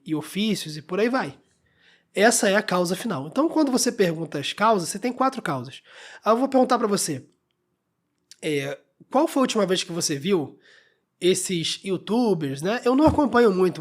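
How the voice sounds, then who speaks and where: A man's voice: high voice, fairly bright tone. Man explaining patiently, checking in often. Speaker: podcast host. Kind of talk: solo lecture-style podcast talk.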